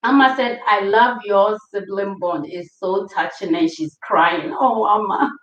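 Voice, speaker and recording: A woman hosting a family livestream, reading viewer comments aloud and laughing often in a warm, affectionate way. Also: mid-range voice, measured pace. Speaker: livestream host. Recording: roomy, distant, dull sound.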